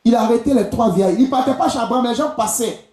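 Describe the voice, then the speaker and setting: This Ivorian man's voice is extremely high, quick and mellow as he preaches to a live congregation indoors. A visiting prophet and preacher from Côte d'Ivoire, he addresses the crowd directly, repeating key phrases in charismatic style, with echoey hall acoustics around him.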